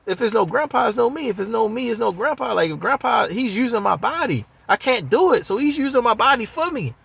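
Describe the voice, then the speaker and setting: A man's voice: very high-pitched, expressive, brisk, gravelly, a bit bright, husky, voice pushed up, exaggerated voice. A man voicing a brash young boy who talks like a grown man, cocky and profane. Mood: insistent.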